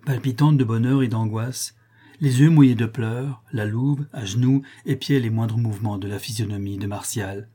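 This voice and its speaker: A man reading a classic novel aloud as an audiobook narrator, in steady, measured storytelling. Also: mid-range voice, slightly rough.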